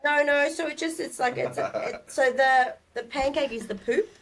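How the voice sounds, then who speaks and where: A woman's voice: high voice, moderate pace, fairly bright tone. A woman, a guest author, chatting casually on a podcast, often laughing and stumbling through her words.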